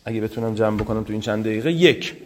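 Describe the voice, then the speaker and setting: Persian man lecturing on religious history. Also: fairly low pitch. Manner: reads Arabic quotes slowly, then explains them in quick conversational Persian.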